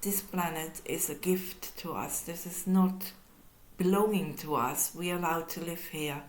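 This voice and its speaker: Woman vlogger, slow deliberate delivery, fairly low voice, earnest, echoey home room. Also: steady tone. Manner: slow, earnest, with small restarts. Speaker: channel host. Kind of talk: unscripted talk to camera.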